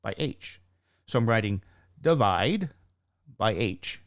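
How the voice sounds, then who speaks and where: A man with a slightly squeaky voice teaching math informally, talking through each step and posing questions he then answers himself. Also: animated, slow pace, a bit bright, no room sound, studio quality. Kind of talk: informal worked-example lesson, thinking aloud.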